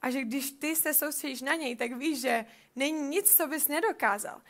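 A woman's voice: sits high, fairly bright tone. A woman reading a Bible passage and reflecting on it in a conversational way, often repeating words as she thinks.

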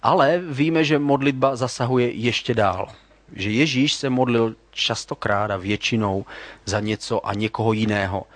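A man's voice: mid-range voice, fairly bright tone. A man delivers a sermon in an easygoing, conversational style, keeping it light with humor and little acted-out prayers. His voice sits in a middle register. The sound is dry and close, with no room echo. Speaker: preacher.

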